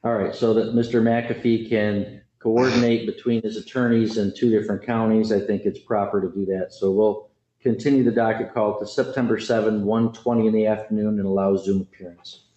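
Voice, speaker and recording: A man serving as judge in a courtroom, speaking haltingly with many fillers and self-corrections. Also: fairly low pitch, flat delivery, warm tone. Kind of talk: courtroom proceedings. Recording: echoey, dull courtroom audio with faint noise.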